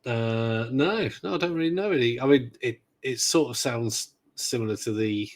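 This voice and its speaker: A man's voice: medium pitch, normal speed. A British man chatting casually as co-host of a gaming podcast. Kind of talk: casual chat.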